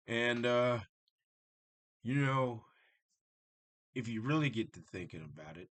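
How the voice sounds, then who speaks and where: In a casual, unscripted video on Satanism, a vlogger speaks bluntly and directly to his audience, wandering off and looping back to earlier points. His voice is fairly low in pitch with a fairly bright tone.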